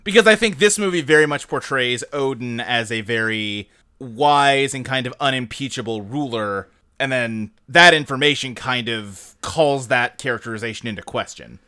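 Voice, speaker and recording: Bright, clear-voiced man chatting. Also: mid-range voice, normal speed. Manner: animated, rambling with lots of "like". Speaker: podcast co-host. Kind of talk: casual movie discussion.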